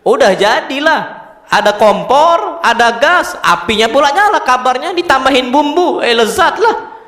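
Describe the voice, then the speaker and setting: A man with an Indonesian accent giving a casual religious lecture, telling animated stories and mixing in Arabic terms. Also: very high voice, normal speed. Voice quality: animated storytelling, mixes Arabic terms, laughs often. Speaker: Islamic preacher. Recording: echoey hall.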